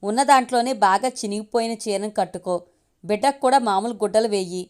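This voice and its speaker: A woman's voice: mid-range voice, fast, darkish tone, lightly acted. Woman narrator voices harsh greedy husband, scornful, demanding; storybook reading.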